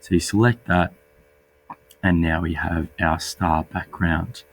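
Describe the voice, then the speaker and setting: A man, husky and under the weather, patiently explaining a coding tutorial step by step as a teacher. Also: low-pitched, fairly even intonation, slow pace, slight background noise. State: sick with a cold. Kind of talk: screen-recorded coding tutorial.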